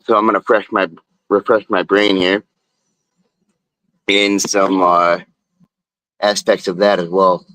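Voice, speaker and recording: A man's voice: low-pitched, level tone, takes it slowly, pauses often, a bit bright, dry recording, rough recording. A man streaming casually as he draws, talking in a laid-back, drawling, slangy way into a phone. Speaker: live streamer and tattoo artist. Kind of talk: casual chat while drawing.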